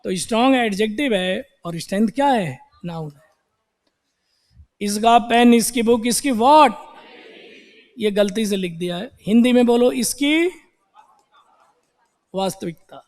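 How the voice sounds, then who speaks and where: A man's voice: high voice, a little slow, pauses often, long reverb tail. A male teacher giving a classroom grammar lesson. He repeats words in drills and asks and answers his own questions. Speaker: English teacher.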